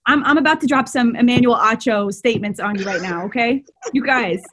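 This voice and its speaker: A woman co-hosts a podcast in relaxed conversation. Her voice sits high and she talks with animated energy, breaking into quick asides and frequent laughter. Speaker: podcast co-host. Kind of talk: casual chat.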